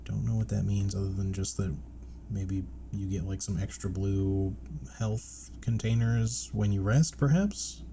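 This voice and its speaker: A man with a lowish, mellow voice gives casual commentary over a video game. He is laid-back and mutters asides to himself. A faint bed of noise and ambience sits behind him. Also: fairly even intonation, a little slow, vocal fry. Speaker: gaming streamer playing and commenting. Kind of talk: casual let's play commentary.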